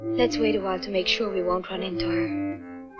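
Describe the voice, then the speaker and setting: A woman's voice: medium pitch, steady tone, moderate pace, highs cut off, music in the background, lightly acted. An actress playing a cheeky young woman hired as a maid, with a put-on Cockney English accent, from an old film soundtrack.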